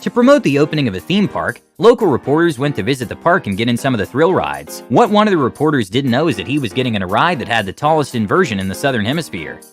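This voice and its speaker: A man with a mid-range voice reads scripted narration for a video compilation, explaining things with a light, wry touch. He's very animated and fast, with few pauses, and background music plays under his voice.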